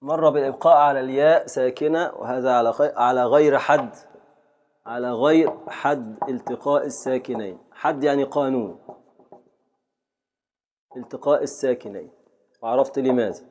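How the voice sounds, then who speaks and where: Mellow-voiced Egyptian sheikh teaching. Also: male voice, medium pitch, a little hiss or hum. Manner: patient, repeats examples slowly and drawn out. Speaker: sheikh teaching a grammar text. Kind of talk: classroom lecture.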